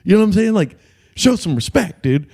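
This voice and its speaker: A man's voice: sits high, big pitch swings, fairly quick, gravelly, a little mellow. A man co-hosting a podcast, telling a story in casual chat with an intense, earnest manner and acting out the people he quotes. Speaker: podcast co-host.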